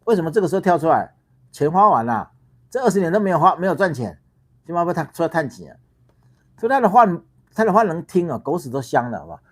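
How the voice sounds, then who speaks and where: Animated ranting Taiwanese man. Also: on the high side, fast, breathy edge. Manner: ranting, swearing, rhetorical questions, repeats words. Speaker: political party founder and livestream host. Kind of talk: heated political livestream monologue.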